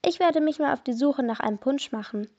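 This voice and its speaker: A woman's voice: high-pitched, fairly quick, a little mellow, highs cut off. Woman reading an easygoing off-duty inspector.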